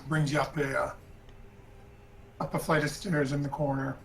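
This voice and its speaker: A man's voice: a little high, level tone, gravelly, slight background noise, rough recording. Man narrating a tabletop game. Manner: halting, many fillers and restarts. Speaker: game master.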